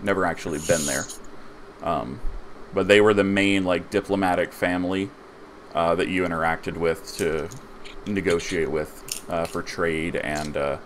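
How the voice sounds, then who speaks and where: Male game master for a tabletop game, low-pitched and slow, halting, heavy on fillers. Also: fairly even intonation, slight background noise. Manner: halting, many fillers, laughs often.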